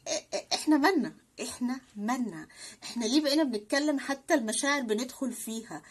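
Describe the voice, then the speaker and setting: Egyptian woman, talks fast and earnest to her followers, slightly high voice, keeps acting out what people say. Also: slightly rough. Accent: Egyptian Arabic. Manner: earnest, appealing to listeners, acting out quoted people. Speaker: social media advice speaker. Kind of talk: direct-to-camera advice talk.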